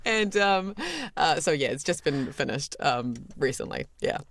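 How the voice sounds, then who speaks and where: Expressive New Zealand woman, chatty. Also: low-pitched, measured pace, slight background noise. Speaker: guest voice actor. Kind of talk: casual podcast chat.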